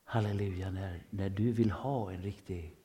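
A man with a Swedish accent preaching an informal sermon, dropping into hushed whispers and then rising into sudden loud bursts. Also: sits low, steady tone, slightly rough. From Sweden.

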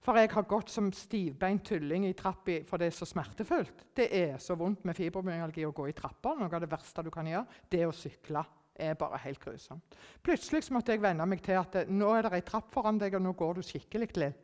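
A middle-aged woman giving a personal testimony to an audience, telling it in a lively way, acting out her own thoughts and sometimes dropping almost to a whisper. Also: fairly low pitch. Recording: long hall reverb.

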